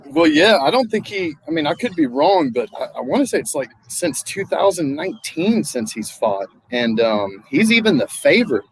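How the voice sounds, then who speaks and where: A man in a casual boxing chat, thinking aloud with many pauses and ums. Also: a little high, very animated, husky, low-quality recording.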